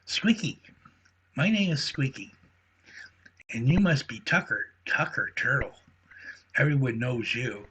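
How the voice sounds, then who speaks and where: A man voicing an excitable little male flying squirrel with a squeaky voice, in a bedtime story. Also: a little slow, long pauses, breathy edge, heavily acted. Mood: eager. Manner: eager, talks in a rush.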